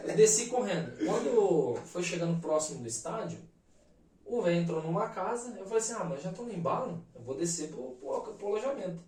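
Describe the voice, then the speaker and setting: A Brazilian man in his thirties, a podcast guest, telling a personal story in an animated, emphatic way full of slang fillers. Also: sits high, fairly quick. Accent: Brazilian Portuguese. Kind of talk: casual storytelling. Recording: roomy echo, mic at a distance.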